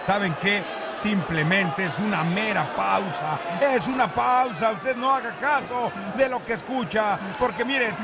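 A man with a Mexican accent, a wrestling commentator calling lucha libre live, emphatic and repeating his phrases excitedly. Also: very high-pitched, creaky, very noisy. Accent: Mexican Spanish. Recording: loud arena crowd behind commentary. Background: cheering arena crowd.

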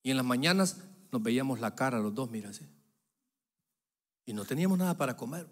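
A man's voice: animated, fairly quick. Emphatic preaching man in a reverberant church. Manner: emphatic preaching, swelling loud on key phrases and dropping low for asides. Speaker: pastor. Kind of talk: preaching a sermon to a congregation. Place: church sanctuary. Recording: long reverb of a church hall.

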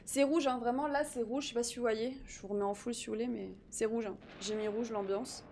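A woman streamer talking to her live chat in a slightly high voice, chatty and excitable. She shifts quickly between muttering and bursts of loud energy. A faint noise hums behind her home setup.

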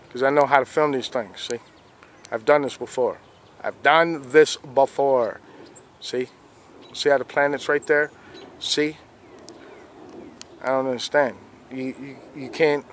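A man with a fairly high-pitched voice gives casual commentary while filming the sky on his handheld phone outside next to a fenced yard. He rambles and keeps saying "see?" as he points things out, and there is slight background noise.

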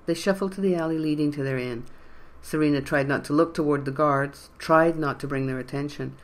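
A narrator reading a fantasy novel in an even, measured storytelling way. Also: mid-range voice. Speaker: audiobook narrator. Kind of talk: scripted narration.

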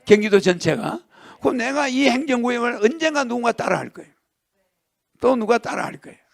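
A man's voice: very high-pitched, lively intonation, fairly quick, gravelly. An older man giving a lecture-style talk, reading a news column aloud and breaking off to comment, with emphatic rhetorical questions to his listeners.

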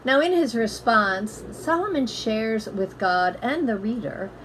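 Middle-aged woman preaching gently at home. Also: a little high, expressive, slight background noise, low-quality recording. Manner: gentle, measured, conversational preaching. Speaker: pastor. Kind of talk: sermon. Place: home room with bookshelves. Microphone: laptop webcam, close framing.

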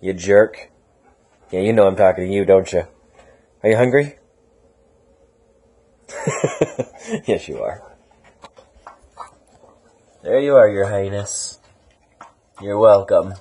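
A young man's fairly low, dark, husky voice comes at a slow pace with frequent pauses. Indoors at home, he is casually vlogging, rambling to the camera and teasing his dog while poking fun at himself.

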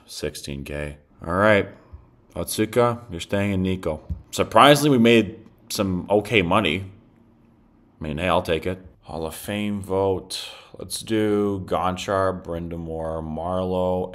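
Deep-voiced man doing game commentary. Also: a bit bright. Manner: chatty, wry, talks to the players on screen. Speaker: gaming commentator. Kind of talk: casual gameplay commentary.

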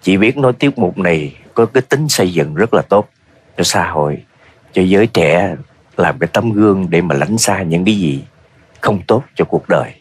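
A man's voice: low-pitched, lively intonation, normal speed, husky. A man judging a TV talent show, giving earnest and emphatic feedback from a studio. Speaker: judge.

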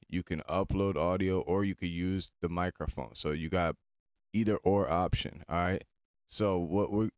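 A man with a deep, smooth voice leads a casual tutorial. He is chatty and informal as he instructs step by step, recorded close and very dry. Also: darkish tone, dry recording. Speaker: tutorial host.

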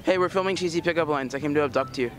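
A man's voice: fairly high pitch, racing. A teenage man co-hosting with casual, bantering street-interview talk into a handheld microphone. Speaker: co-host and contestant. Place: school grounds and busy cafeteria. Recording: loud music behind, handheld mic outdoors and indoors.

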